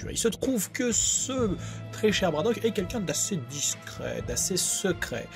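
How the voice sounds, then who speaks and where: A man narrating a tabletop role-playing game as game master, dropping low and slow for eerie moments. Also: sing-song, creaky, over music. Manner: dramatic storytelling, drops low and slow for menace.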